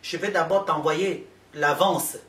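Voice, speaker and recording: A man's voice: a little high, steady tone, slow, a bit bright. A man addressing journalists, telling his story in an emphatic, repetitive way with many fillers. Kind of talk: impassioned spoken testimony. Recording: echoey room, voice from a distance.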